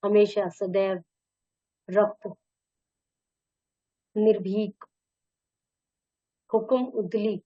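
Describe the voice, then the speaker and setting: A woman's voice: mid-range voice, level tone, extremely slow, long pauses, dark tone, no echo. A woman teacher reading a textbook lesson and its exercises aloud in a plain manner, in a dull, dry recording. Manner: plain read-aloud delivery.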